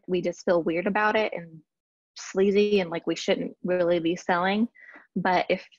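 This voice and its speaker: A woman marketing strategist presenting a workshop in a casual, chatty way, often pausing with fillers and restarting sentences. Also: on the low side, no room sound, dull audio. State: briefly out of breath. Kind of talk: casual slide-based webinar teaching.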